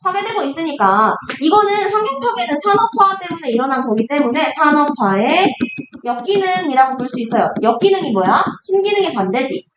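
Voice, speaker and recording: A woman tutoring a class in Korean literature, lecturing briskly and acting out characters' lines as she explains, with questions to her students. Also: high-pitched. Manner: lively, acts out characters' lines in quotes, asks students questions. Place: classroom at a cram school. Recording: echoey classroom, faint noise.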